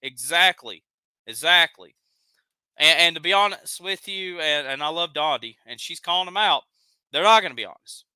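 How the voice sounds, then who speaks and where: A man's voice: a little high, fairly quick, sharp tone, smooth, no echo. A man with a Southern accent hosting a live stream, ranting heatedly and reading chat comments aloud. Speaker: live show host.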